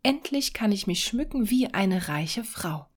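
A woman's voice: mid-range voice, a little slow. A woman doing an eager, greedy fisherman's wife. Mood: eager, scheming. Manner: raised, eager, excited.

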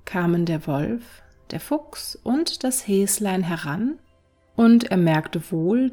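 A woman reading a fairy tale aloud, soft and unhurried, now and then dropping into a whisper. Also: medium pitch. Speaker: narrator.

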